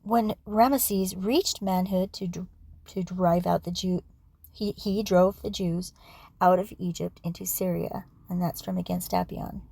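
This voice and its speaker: A woman losing her voice, reading history aloud at a casual pace, with asides and throat clearing. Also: fairly low pitch, warm tone, no room sound. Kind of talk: casual read-aloud for sleep.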